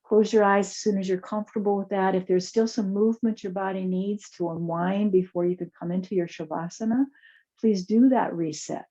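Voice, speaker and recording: A woman teaching chair yoga, guiding movement and relaxation in a soft, soothing, unhurried way with pauses. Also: medium pitch, fairly even intonation, muffled recording. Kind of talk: guided yoga class and relaxation.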